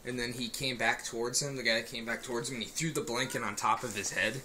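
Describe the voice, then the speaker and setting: Young man, casual vlog storyteller, rambling and excitable with swearing, indoors on a handheld camera, clear background hiss. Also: mid-range voice, quick pace, rough recording. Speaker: vlogger. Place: apartment room, indoors. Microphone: camera held by a cameraman.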